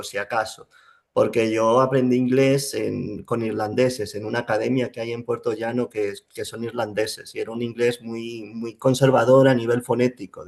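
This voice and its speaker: Gravelly-voiced man. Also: mid-range voice, darkish tone. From Spain. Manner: reflective, many fillers and restarts. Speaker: Spanish teacher, guest. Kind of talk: casual interview talk.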